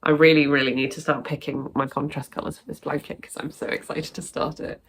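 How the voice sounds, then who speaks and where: Chatting to camera about her crafts, a woman rambles casually and laughs a lot. Her low voice is level in tone, a little fast, with a breathy edge, and she sounds sniffly and stuffed up after sneezing.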